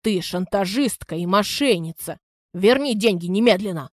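A woman's voice: medium pitch, lively intonation, moderate pace, no room sound, clean studio sound, close to an everyday voice. A woman reading an audiobook, voicing an unfaithful older husband who blusters. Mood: defensive. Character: unfaithful older husband, defensive then yelling.

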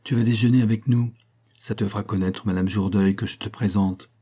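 A man's voice: lowish voice, steady tone, fairly quick, dark tone, slightly rough. A man doing a teasing young woman. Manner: playful, teasing.

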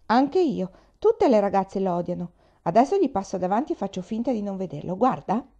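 A woman reading aloud, voicing a bold, brisk young girl who is scornful of weakness. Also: mid-range voice, sing-song, dark tone, dull audio.

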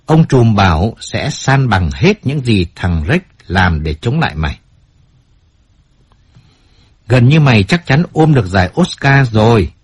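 A man reading the part of a level-headed male adviser who speaks in a measured, businesslike way, in a storybook audiobook. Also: lowish voice, darkish tone, breathy edge, full character voice.

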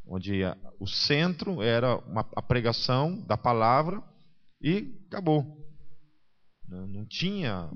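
A man with a Brazilian accent preaching a conversational sermon. He keeps checking in with his listeners and acts out the people he quotes. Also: mid-range voice. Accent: Brazilian Portuguese. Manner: chatty, tags nearly every sentence with a question, acts out quoted people. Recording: muffled event recording.

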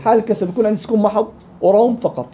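Brief: fast-talking man, high voice, teaching a class, dull lo-fi sound. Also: fairly even intonation. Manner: quizzing students, repeating and drilling examples. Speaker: Quran recitation teacher. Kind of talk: classroom tajweed lesson.

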